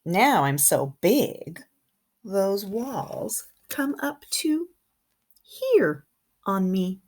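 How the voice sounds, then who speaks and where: Reading a picture book to little kids, this kindergarten teacher keeps them engaged with expressive delivery, questions and chatty asides. She speaks extremely slowly in a mid-range voice.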